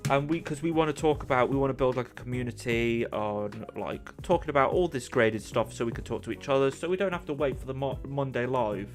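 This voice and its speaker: A man's voice: mid-range voice, brisk, few pauses, soft background music. A man chats through a casual podcast in an ordinary mid-range voice. He rambles, trails off and restarts his sentences as he goes. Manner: rambling, chatty, many restarts. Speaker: podcast host.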